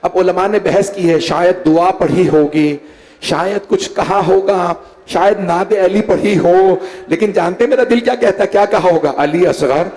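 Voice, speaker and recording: A man with a Pakistani Urdu accent, a cleric reciting a mourning sermon at a gathering, whose delivery climbs into impassioned, shouted wailing. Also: sits high, unhurried. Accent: Urdu-speaking Pakistani. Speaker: Shia cleric reciting a majlis.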